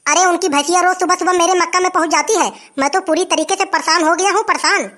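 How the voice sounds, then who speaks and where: A performer voicing an angry old farmer in a who shouts complaints and threats. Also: very high-pitched, fast. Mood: angry complaining. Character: grumpy old village man, angry farmer.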